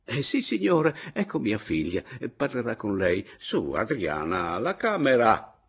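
A man reading an audiobook, voicing a flustered, apologetic old man of about sixty who fusses and calls out loudly. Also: mid-range voice, very animated, normal speed, creaky, breathy edge, voice pushed up, heavily acted. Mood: fussing. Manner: apologetic, fussing, calling out loudly.

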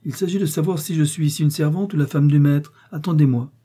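A strong-willed young farm wife from an old storybook, giving orders in a firm, raised voice, as a man reads her aloud. The voice sits noticeably higher than the reader's own and stays dark and a little husky underneath. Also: measured pace. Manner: firm, commanding.

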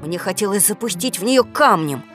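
A woman narrating a children's audiobook in a lively, expressive manner. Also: mid-range voice, moderate pace, over music.

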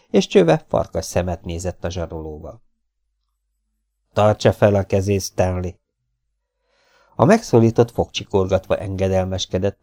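A man reading a pulp adventure novel aloud as an audiobook narrator, with a steady, dramatic storytelling delivery. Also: low-pitched, gravelly. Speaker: audiobook reader. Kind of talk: scripted narration.

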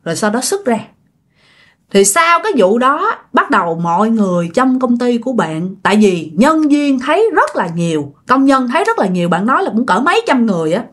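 A woman with a Southern Vietnamese accent tells ghost stories in a relaxed, conversational way. Her voice sits fairly high and moves up and down in a lively manner. She often speaks straight to her listeners as she goes. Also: fairly quick, few pauses. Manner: chatty, addresses listeners directly. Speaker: storyteller. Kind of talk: casual ghost-story narration.

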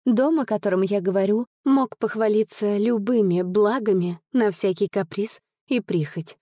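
Woman reading a fairy tale out loud, mellow dark voice, dry close sound. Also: mid-range voice, normal speed, dry recording. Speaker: narrator. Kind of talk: storybook narration.

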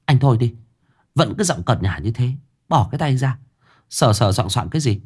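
Man playing a young village woman, high voice, chatty and scolding, horror audiobook. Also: expressive, normal speed, darkish tone, slightly rough. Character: sharp-tongued gossipy young village woman.

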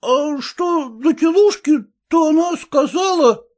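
A man's voice: extremely high pitch, animated, takes it slowly, darkish tone, voice pushed up, heavily acted. A male reader voicing a hungover, sleepy young peasant man who drawls and grumbles. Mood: reading haltingly.

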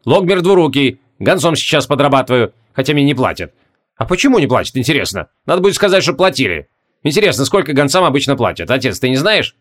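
A man's voice: mid-range voice, very animated, fast talker, a bit bright. A man voicing a cheerful, dim-witted young barbarian hero who chatters carefree and repeats himself, in an audiobook. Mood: cheerful rambling.

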